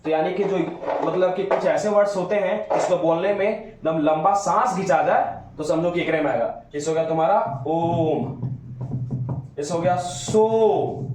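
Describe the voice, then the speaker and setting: A man's voice: high voice, darkish tone, a little hiss or hum. A male teacher giving a grammar lesson, stretching vowel sounds out to demonstrate them and coaxing his students with questions. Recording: very echoey room.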